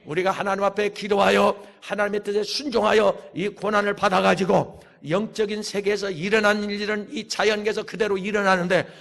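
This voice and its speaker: A man, a pastor, preaching a sermon with emphatic bursts and shouted hallelujahs. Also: sits high, little pitch movement, a little fast, gravelly, hardly any pauses.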